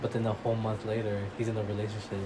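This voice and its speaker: A man's voice: on the low side, monotone, racing. Young man co-host, teasing and laughing. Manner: laughs a lot, teasing and agreeable, chimes in with jokes. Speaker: podcast co-host. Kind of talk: casual chat. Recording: noisy background hiss.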